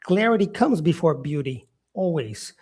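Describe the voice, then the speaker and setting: A man from Brazil teaching English in a live stream, speaking slowly with many "yeah" and "um" fillers, repeating and rephrasing his points. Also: fairly high pitch, expressive, darkish tone, husky. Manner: repeats himself, answers viewer comments, frequent "yeah" and "um".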